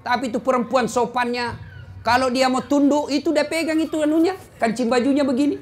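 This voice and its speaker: A middle-aged man preaching a comic sermon to a crowd, swinging from shouts to low mutters as he acts out scenes. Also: fairly even intonation, brisk.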